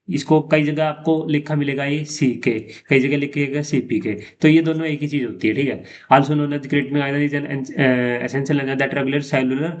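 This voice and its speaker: A man teaching exam questions in a casual explaining style, often repeating "theek hai" and mixing in English terms. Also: medium pitch. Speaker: lab technology teacher. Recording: dull lo-fi sound with faint noise.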